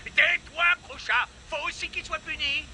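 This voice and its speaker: An actor in a cartoon dub playing a bumbling, obsequious army general with a gravelly voice, reporting to his master. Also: extremely high pitch, measured pace, background noise, full character voice. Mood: servile, flustered. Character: bumbling, servile reptile army general henchman. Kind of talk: animated series dub. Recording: music behind the voice.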